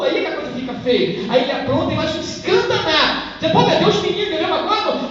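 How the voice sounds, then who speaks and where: High-voiced fast Brazilian pastor preaching. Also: male voice, a bit bright, a little hiss or hum. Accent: Brazilian Portuguese. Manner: impassioned, conversational preaching with direct address. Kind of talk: sermon. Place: church hall. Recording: echoey church hall, distant dull mic.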